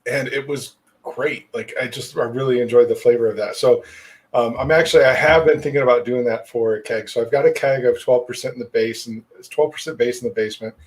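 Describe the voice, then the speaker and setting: A man at a middle pitch who rambles through casual chat and leans on fillers. He swears freely as he talks. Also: fairly even intonation, a little fast, low-quality recording. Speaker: podcast host.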